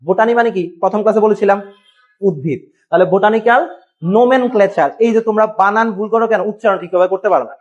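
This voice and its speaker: A fast-talking man with a high voice teaches biology at a board in a classroom lesson. He poses questions to the students, supplies the answers himself, and spells terms letter by letter, all in a dull, lo-fi recording.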